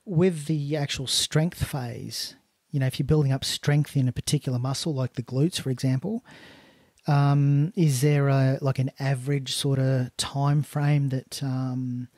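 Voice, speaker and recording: A man's voice: medium pitch, fairly even intonation, unhurried, a little mellow, dry recording, clean studio sound. A man hosting a casual interview, asking questions tentatively and rephrasing them as he goes. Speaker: podcast host.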